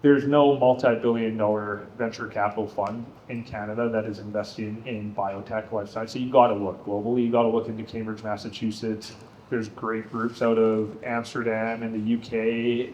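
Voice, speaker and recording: A man's voice: medium pitch, lo-fi sound, slight background noise. A man speaking as a biotech operator on a panel, emphatic and listing many examples. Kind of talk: panel discussion answer.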